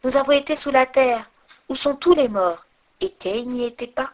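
A woman voicing talking roses in a storybook reading, hushed and solemn. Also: high-pitched, normal speed, natural voice. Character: calm roses speaking together, solemn.

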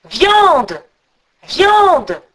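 A woman voicing a big, hungry male eagle in a storybook tale, calling out loudly and insistently. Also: high voice, lively intonation, moderate pace, voice pushed up. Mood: hungry, pleading. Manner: loud, insistent cries.

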